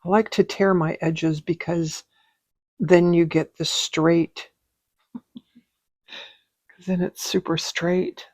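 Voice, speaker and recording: A woman's voice: lowish voice, level tone, slow pace, pauses often, darkish tone, dry recording. A woman teaching a casual craft tutorial, chatty and rambling as she thinks aloud. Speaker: stitching teacher.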